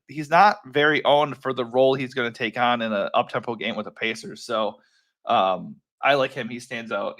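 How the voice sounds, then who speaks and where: A man with a worn, rough voice hosting a casual solo breakdown of fantasy sports picks, relaxed and rambling, correcting himself with lots of ums. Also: medium pitch. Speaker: fantasy sports analyst host.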